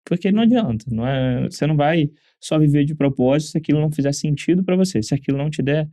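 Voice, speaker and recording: A Brazilian man with a Brazilian Portuguese accent, co-hosting a podcast in a quick, emphatic, opinionated way. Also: a little high, lively intonation, warm tone, no echo, clean studio sound. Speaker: podcast co-host. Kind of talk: casual podcast chat.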